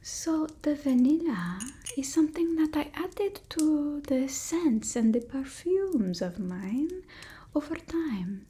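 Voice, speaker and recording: With a high-pitched, expressive voice of dark tone, delivered slowly, a woman whispers as a haughty vampire mistress in ASMR roleplay. The character is fussy yet doting, and she speaks in an imperious, teasing murmur with a put-on Eastern European accent, gentle and fussing in mood.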